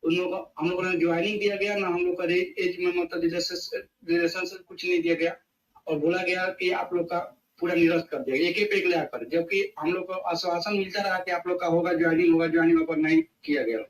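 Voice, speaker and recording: A man calling in with an earnest grievance, repeating his points. His voice is a little high, heard from far off with a roomy echo around it. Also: fast. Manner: earnest, repetitive complaint. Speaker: caller. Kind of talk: call-in question. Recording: far-off echoey line.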